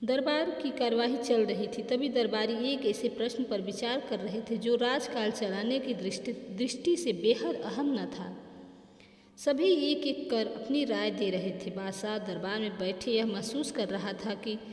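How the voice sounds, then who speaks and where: A woman's voice: a little high, measured pace, a little mellow. A woman reading children's folk stories aloud as storyteller, carefully and with restarts. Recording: echoey room with long reverb.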